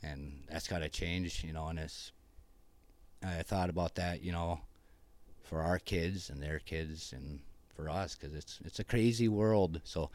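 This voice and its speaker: Deep-voiced man with a Yooper accent. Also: a little slow, darkish tone. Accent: Upper Peninsula Michigan (Yooper). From Upper Peninsula of Michigan. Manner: rambling, enthusiastic, many restarts. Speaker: interview guest. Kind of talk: casual conversation.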